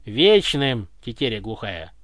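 A man voicing a pompous, touchy old tsar in a dry, close read, using a lively voice that keeps rising into roaring anger. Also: mid-range voice, unhurried, no echo, pitched below the performer's own voice. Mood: scolding. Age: older. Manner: pompous, roars when offended.

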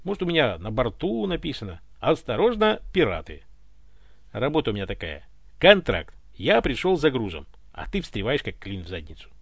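A man's voice: mid-range voice, huge pitch swings, moderate pace, gravelly, no echo, studio quality, heavily acted. A man voicing a sneering space smuggler. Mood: mocking. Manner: sneering, taunting. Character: mocking cocky male space smuggler.

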